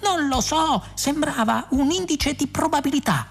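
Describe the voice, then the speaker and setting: A woman voicing a panicked male alien traveller in an audiobook, shouting in an excited, high-pitched way. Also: slow, soft background music, full character voice. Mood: agitated. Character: panicked young man, frantic alien traveller.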